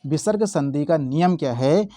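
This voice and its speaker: Young male tutor, slightly high voice, repetitive explainer, dry close recording. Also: lively intonation, normal speed, mellow, no room sound. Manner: repetitive, checks in often with "theek hai". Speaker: exam-prep teacher. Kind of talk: explaining quiz answers.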